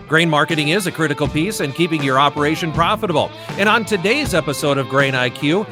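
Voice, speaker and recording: A man hosting a farm market podcast, reading a scripted intro and then asking conversational questions. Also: fairly high pitch. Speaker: podcast host. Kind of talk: interview hosting.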